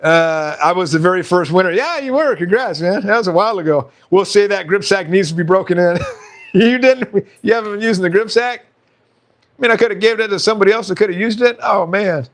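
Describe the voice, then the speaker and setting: A fairly high, slightly hoarse male voice talks fairly quickly on a relaxed live stream. The host keeps things casual, reading out viewer comments and laughing often.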